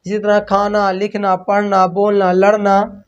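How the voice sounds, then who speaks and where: A man's voice: sits high, monotone, muffled recording. A man teaching a grammar lesson, repeating key terms as questions and correcting himself as he writes on a board. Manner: repeats key terms as questions, slow and drawn out when dictating; self-corrects mid-sentence. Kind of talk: online classroom lesson.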